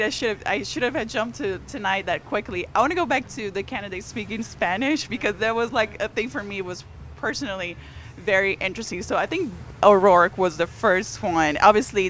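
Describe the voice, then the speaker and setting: A woman whose first language is Portuguese, a newspaper columnist, talks politics on a live stream in a chatty, conversational way. Her voice is mid-range and a bit bright, with slight background noise. She uses fillers and restarts, her energy rising on key points.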